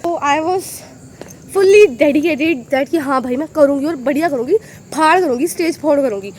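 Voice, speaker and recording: A young woman from Haryana telling a story in a casual vlog, animated and exclaiming, filmed on a phone held at arm's length outdoors at night. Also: sits high, normal speed, a little hiss or hum. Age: young adult. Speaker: vlogger.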